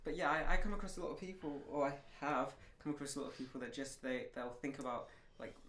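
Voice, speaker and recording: A man's voice: a little high, fairly even intonation, quick pace, a bit bright, echoey room, a little hiss or hum. A man co-hosting a casual podcast chat, laying out his opinions with emphasis. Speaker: podcast co-host.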